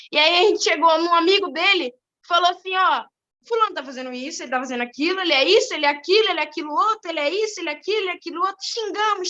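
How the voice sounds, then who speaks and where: A teenage girl giving an animated church testimony, telling her story in a quick, lively way. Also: very high voice, highs cut off. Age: teens. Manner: animated, fast-moving storytelling. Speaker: testimony giver.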